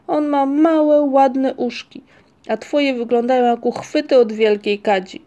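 A haughty troll girl with a shrill, sneering voice that jumps high, as a woman puts her on for a storybook. Her tone is mellow underneath the scorn. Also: expressive, moderate pace, gravelly. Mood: scornful.

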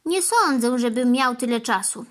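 A woman's voice: fairly high pitch, lively intonation, close to an everyday voice. A woman voicing a fussy, greedy male crow who squawks "kra" in a children's storybook reading. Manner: squawks "kra", brisk quick retorts.

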